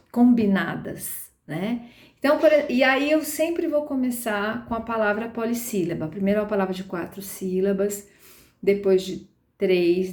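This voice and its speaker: A woman's voice: medium pitch, a little mellow. Patient woman lecturing in an echoey room. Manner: patient, explains step by step, frequent tag questions. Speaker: literacy teacher trainer. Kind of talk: explanatory lecture.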